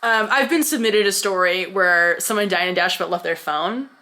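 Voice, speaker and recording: A woman's voice: on the low side, moderate pace. A woman who hosts the show and works as a server, reading stories aloud in casual chat and laughing as she tells them. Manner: lively storyteller, laughs while reading. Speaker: host and restaurant server.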